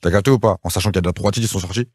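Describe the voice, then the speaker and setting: A man speaking as an interview guest in casual chat, slangy and animated, often checking whether the listener follows. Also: deep voice, very fast, breathy edge, no room sound, studio quality. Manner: slangy, animated, keeps asking "t'as capté ou pas".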